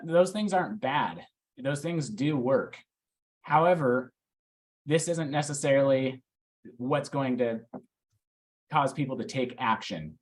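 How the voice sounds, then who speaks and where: Energetic real estate coach, man. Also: mid-range voice. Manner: animated storytelling, quizzes the room. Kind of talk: training talk to a small team.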